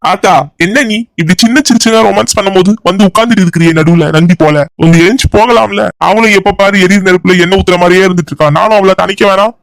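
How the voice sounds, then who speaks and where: A woman's voice: medium pitch, steady tone, fast talker, hardly any pauses, dry recording, lightly acted. A woman doing a whiny henpecked cartoon husband. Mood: whining. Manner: whiny, pleading complaints. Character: bumbling henpecked husband, middle-aged man. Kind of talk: cartoon comedy voice acting.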